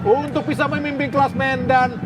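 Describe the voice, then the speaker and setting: A man calls football live in a very high, excited voice, crying out goals with drawn-out shouts. He is the play-by-play commentator. A huge, noisy crowd roars behind him. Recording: loud stadium crowd noise behind commentary. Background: loud match crowd.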